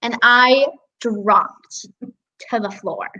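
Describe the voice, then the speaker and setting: A woman's voice: fairly high pitch, fairly even intonation, extremely slow, pushed and bright, muffled recording. A teenage girl chatting as an interview guest about her voice-acting work, giggly and full of "like" fillers. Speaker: guest, young voice actress. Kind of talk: casual interview chat.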